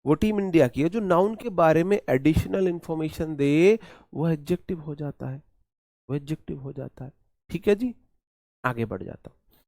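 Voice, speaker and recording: A man's voice: on the high side, expressive, moderate pace, darkish tone, no room sound, studio quality. A man with an Indian accent teaching an exam-prep English grammar lesson, repeating key points and quizzing his students.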